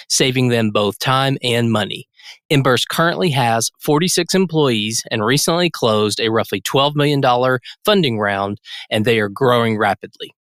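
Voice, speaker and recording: A man's voice: medium pitch, fairly bright tone, dry recording. A male podcast host reads a polished, scripted introduction before he moves into the interview. He then asks his questions in a friendly, upbeat way. The sound is dry and close, with a mid-range voice.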